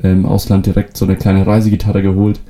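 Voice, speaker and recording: A young man from Föhr, the North Sea island in northern Germany, whose first language is North Frisian, answers interview questions as a musician guest. With a deep voice and a fairly quick pace, he talks in a relaxed way, using many fillers and restarts.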